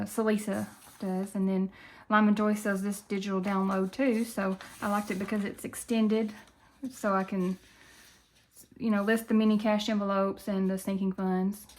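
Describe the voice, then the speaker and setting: A woman from Tennessee with a country Appalachian Southern accent, chatting casually and folksily to viewers as the host of a budgeting video. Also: mid-range voice.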